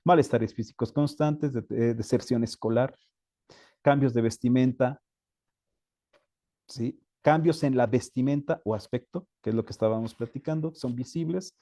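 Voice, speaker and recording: Mellow-voiced man lecturing. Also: medium pitch, moderate pace, no room sound, studio quality. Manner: often checks in with the audience, with frequent hesitations. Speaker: teacher trainer. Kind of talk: explanatory lecture to teachers.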